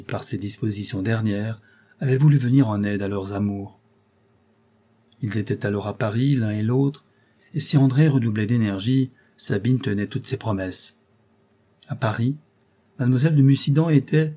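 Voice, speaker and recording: A male narrator reading a classic novel aloud, measured and dramatic in delivery. His voice is dark and mellow with a husky grain. The pitch sits in an ordinary middle range. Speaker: audiobook narrator. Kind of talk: scripted narration.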